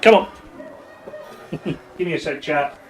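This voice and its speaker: A man's voice: a little high, unhurried. A man who streams games, talking casually to his live chat and off the cuff.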